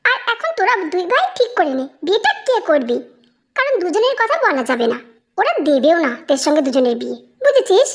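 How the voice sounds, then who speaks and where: Brisk, bossy middle-aged mother, high and lively, for a fan audio drama, voiced by a narrator. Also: exaggerated voice. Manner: brisk, commanding.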